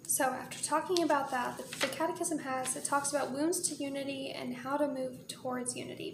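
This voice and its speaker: A young woman in her twenties hosting a faith video, explaining in an earnest, measured way with small restarts, speaking to a camera in a small room. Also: high voice, creaky, reverberant, background noise. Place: small indoor room before a patterned curtain.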